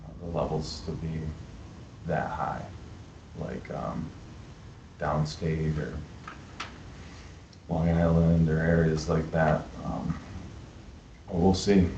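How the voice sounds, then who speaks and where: A very deep-voiced man speaks slowly and hesitantly, filling gaps with ums as he explains. The sound is roomy and echoing, slightly dull, with a faint hiss behind it. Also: dark tone. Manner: hesitant, filler-heavy explaining. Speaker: wastewater utility staff member. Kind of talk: meeting discussion. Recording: echoey, dull meeting recording with faint hiss.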